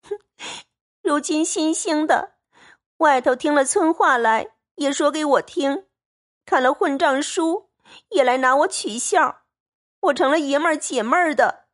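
A delicate young noblewoman with a sharp tongue, as a woman reader puts her on. The voice sits a little higher than plain narration and swoops lively from note to note. She speaks with a prickly, coy edge, as in a storybook reading. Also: unhurried. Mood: tearful indignant. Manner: coy teasing turning to tearful indignation.

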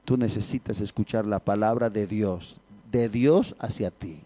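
A male pastor preaching a sermon, repeating words and swinging between raised emphatic lines and low quiet ones. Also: a little slow.

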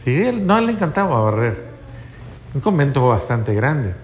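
A man's voice: mid-range voice, very animated, normal speed, a little hiss or hum. A male preacher giving a sermon in a hall, telling stories animatedly and addressing his audience directly.

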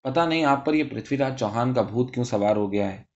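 A man's voice: mid-range voice, lightly acted. A man voicing a shy young woman in love who speaks hesitantly with a trembling voice, on a dull recording. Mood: worried.

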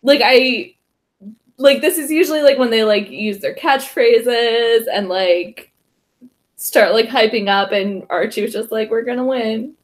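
A woman's voice: fairly high pitch, measured pace. A woman co-hosting a casual show recap, chatty and fond of fillers. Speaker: podcast co-host.

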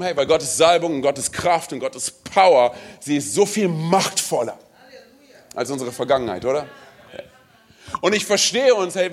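A high-pitched male preacher from Romania delivers a sermon with emphatic fervour. He keeps asking the congregation questions and punctuates his points with quick interjections. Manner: emphatic, fills with "hey" and "ey"; speaks straight to the congregation with questions. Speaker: pastor.

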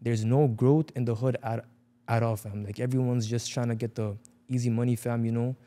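A young man speaks in a mellow, relaxed voice with a Toronto street accent. He chats casually at middling pitch, leaning on slang and repetition to press his point. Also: fairly quick. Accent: Toronto urban slang accent. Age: young adult. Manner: slang-heavy, emphatic repetition. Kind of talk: casual chat.

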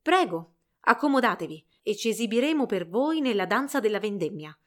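A woman's voice: medium pitch, sing-song, fairly quick, a bit bright. A woman doing a bowing, humble villager. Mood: deferential. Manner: deferential, formal welcome.

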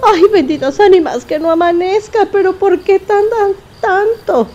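Una mujer con acento mexicano que da voz a una madre fantasma angustiada y teatral. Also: female voice, very high-pitched, measured pace, a little mellow, lo-fi sound. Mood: tender. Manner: theatrical, wailing, fretful. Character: anxious dramatic ghost mother.

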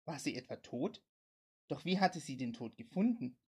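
A woman with a low, husky voice reads a suspense story aloud. Her narration is steady and dramatic. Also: normal speed.

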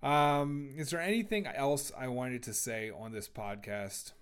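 A man's voice: mid-range voice, unhurried, smooth. A young adult man hosting a casual solo podcast, talking in a rambling, jokey way with lots of swearing, fillers and restarts. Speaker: podcast host.

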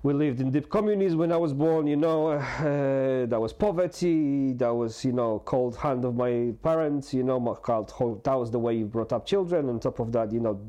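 Guest in his 40s, mellow voice, halting and candid, lots of restarts. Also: mid-range voice. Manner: halting, full of restarts and fillers; earnest and open. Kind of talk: candid personal conversation.

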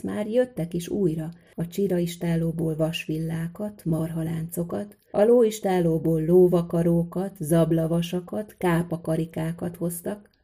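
A woman's voice: on the low side, dark tone, husky. A woman reading a folk tale aloud in a vivid, rhythmic storytelling manner.

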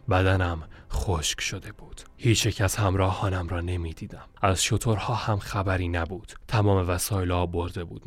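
A man narrating a first-person story in a measured, tense way, close to a studio mic. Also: low voice.

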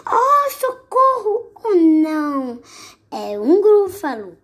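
A woman voicing a small, clever, boastful mouse in a read-aloud storybook, high and excitable. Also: unhurried. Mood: alarmed.

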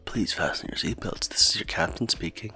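A man voicing a submarine captain making a mock intercom announcement, hushed and half-whispered. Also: lowish voice, a little fast, faint music behind. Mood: mock-official. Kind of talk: joking banter between coworkers.

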